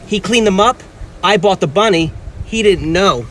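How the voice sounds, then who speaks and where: High-voiced dad telling a deadpan story. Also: male voice, normal speed, a little hiss or hum. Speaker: father. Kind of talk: comic anecdote.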